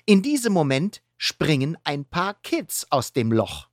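A woman reading a children's storybook aloud in an unhurried, expressive way. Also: deep voice, no echo, studio quality.

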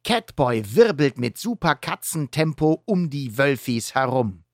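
A woman reading a children's storybook aloud in an unhurried, expressive way. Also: rumbling low, no room sound, studio quality.

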